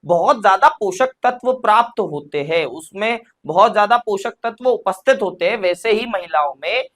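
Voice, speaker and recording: A man's voice: high voice, lively intonation, normal speed, a bit bright. Man teaching an exam-prep lesson. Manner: explains step by step, asks and answers his own questions.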